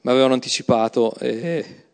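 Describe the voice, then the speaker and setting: A man's voice: mid-range voice, brisk, gravelly, smooth. A man preaching a sermon to a congregation, emphatic, having them repeat words after him. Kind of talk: sermon with Bible reading. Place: church hall. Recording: long hall reverb.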